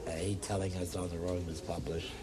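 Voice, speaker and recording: Lowish man reminiscing, noisy background. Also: level tone, brisk. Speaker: interviewee. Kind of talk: documentary interview.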